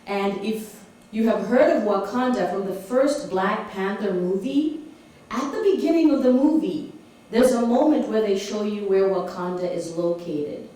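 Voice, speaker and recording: A Malawian woman gives an author talk in a community hall, her warm, medium-pitched voice animated yet measured. She engages the audience with questions and laughs often, though she sits far from the mic and the hall sounds echoey.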